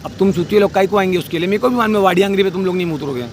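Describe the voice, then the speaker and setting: A man's voice: high-pitched, very fast, a little hiss or hum. A man delivering a heated, scolding rant about a family dispute, outdoors by a street. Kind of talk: angry spoken rant.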